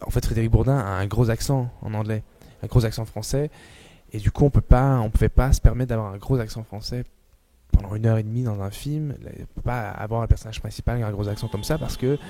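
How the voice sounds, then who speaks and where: A man answers interview questions in a loose, slangy way. His voice sits low and sounds mellow. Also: quick pace. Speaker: actor.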